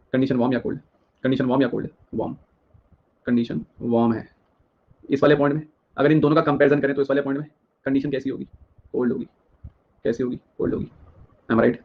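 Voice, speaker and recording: A man's voice: mid-range voice, narrow, tinny audio. A young man teaching a live exam-prep geography class, firing questions at students and repeating each answer several times. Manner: drills questions, repeats answers rapidly, addresses students directly.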